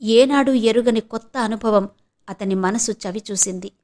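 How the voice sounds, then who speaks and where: A woman from Visakhapatnam, India, reading an audio novel in a steady storytelling manner. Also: a little high, measured pace. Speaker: audiobook narrator.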